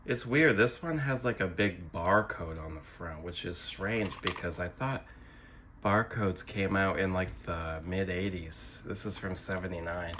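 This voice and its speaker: Here the host of a physical media collecting channel, a young man, shows off items in a loose, rambling way, sardonic and self-deprecating, swearing now and then. His low voice is fairly bright and measured, and a little hiss or hum can be heard.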